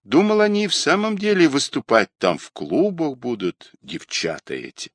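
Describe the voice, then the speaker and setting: A man's voice: a little high, wildly swooping pitch, normal speed, dry recording, voice pushed up. A man reading as a rueful young trader. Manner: confessional, self-pitying. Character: rueful guilt-ridden young male small-time trader.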